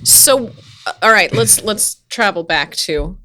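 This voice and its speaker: A woman's voice: mid-range voice, lively intonation, measured pace, bright, forceful tone. A woman hosting a casual interview, asking curious and encouraging questions. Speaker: podcast host.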